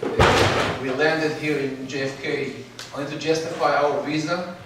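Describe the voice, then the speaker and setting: A man from Ethiopia, probably in his forties, telling his life story as a guest speaker. He talks haltingly and pauses for fillers often. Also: a little high, fairly even intonation, heavy background noise. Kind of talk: personal story speech. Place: large hall. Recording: very echoey hall from far off.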